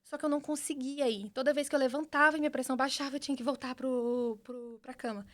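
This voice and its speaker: A young woman with a Brazilian Portuguese accent, a podcast guest giving an earnest, animated personal testimony with frequent restarts. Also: high voice, fast talker. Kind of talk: personal testimony in casual conversation.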